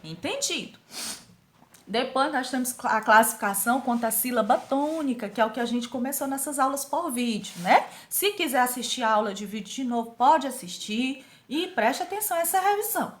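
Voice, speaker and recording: A woman with a Brazilian Portuguese accent leads a grammar review for young students. Her voice sits a little high, and she drags out key words for emphasis and asks quick check-in questions. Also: expressive. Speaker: teacher. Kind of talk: grammar review lesson for sixth graders.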